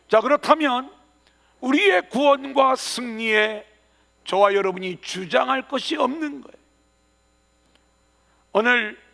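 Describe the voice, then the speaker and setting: Male pastor, earnest sermon delivery, very high and gravelly, church hall reverb. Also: a bit bright. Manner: earnest preaching with emphatic rising phrases. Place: church sanctuary.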